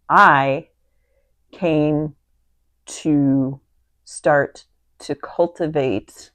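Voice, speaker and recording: A woman co-hosting a casual conversation, wry and animated, often pausing to search for words. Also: low voice, dry recording. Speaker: co-host.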